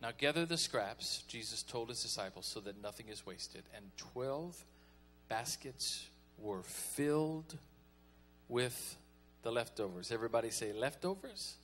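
A man's voice: medium pitch, expressive, slow pace, fairly bright tone, a little hiss or hum. A man preaching a folksy, conversational sermon as pastor, calling on the congregation to respond.

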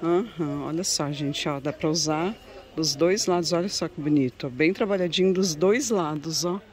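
A Brazilian-accented vlogger speaks in a low voice at a moderate pace, chatting casually and admiringly as she shows viewers the goods in a cluttered home textiles shop. She frequently tacks little tag questions onto the ends of her sentences.

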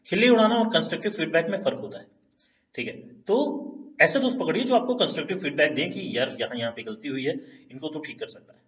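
A man's voice: a little high, lively intonation, fast, fairly bright tone, recorded from a distance. A man hosting a casual lesson, explaining step by step and mixing English phrases into his talk, often checking in with his listeners. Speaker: channel host giving advice. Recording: echoey room, set back from a dull mic.

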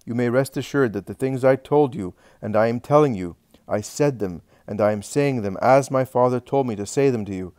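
A man reading aloud the lines of a solemn male teacher addressing a crowd, in a slow, measured and emphatic way. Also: medium pitch, darkish tone, no room sound, clean studio sound, pitched above the performer's own voice, lightly acted. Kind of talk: reading a religious text aloud.

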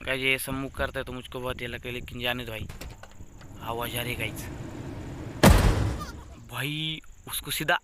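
A man's voice: medium pitch, little pitch movement, fast, background noise. A young man giving casual, joking gameplay commentary as a gaming YouTuber, teasing the baby on screen.

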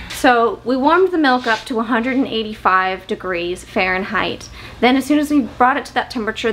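A woman's voice: medium pitch, a bit bright, a little hiss or hum, low-quality recording. Chatty woman explaining a recipe. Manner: chatty, explains steps while working, talks to camera. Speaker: homesteading cooking vlogger. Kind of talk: casual step-by-step cooking tutorial. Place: home kitchen, indoors.

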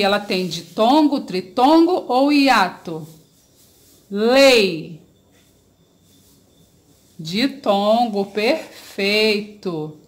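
A woman with a Brazilian Portuguese accent teaching a children's grammar lesson, drawing out syllables, asking pupils questions and praising their answers. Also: medium pitch.

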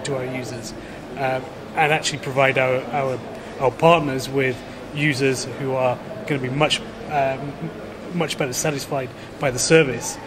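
Measured executive man in a noisy hall. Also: medium pitch. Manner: measured, polished, with frequent restarts. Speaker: company executive guest. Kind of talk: conference interview. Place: large indoor conference hall. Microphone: handheld camera close to the face.

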